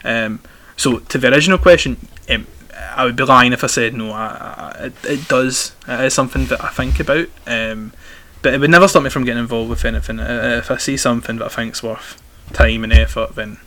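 A young Glaswegian man with a strong accent responds to interview questions in a talkative, conversational way, often repeating the beginnings of phrases. His medium-pitched voice has a sharp tone and fairly even intonation, moving fairly quickly with hardly any pauses.

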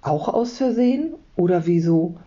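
A woman reading aloud as a curious, excited little girl who whispers eager questions. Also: lowish voice, normal speed, muffled recording, close to an everyday voice.

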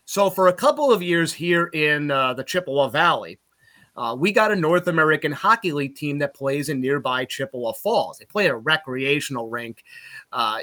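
A man from Utica, New York, a sports broadcaster guest, telling lively anecdotes casually and laughing at his own stories. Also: on the high side. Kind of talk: casual podcast storytelling.

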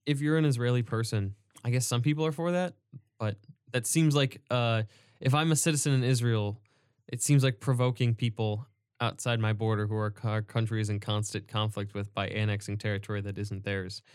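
A man's voice: fairly low pitch, steady tone, a little fast, darkish tone, clean tone, dry recording, clean studio sound. A young man co-hosting a podcast who introduces topics in a casual, hesitant way with fillers. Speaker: podcast co-host. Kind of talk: casual political discussion.

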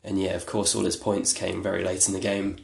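A man's voice: low-pitched, completely flat delivery, fairly quick, creaky. A man hosting a solo podcast, talking in a rambling, chatty, self-deprecating way. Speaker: podcast host. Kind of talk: casual solo podcast talk. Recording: echoey room.

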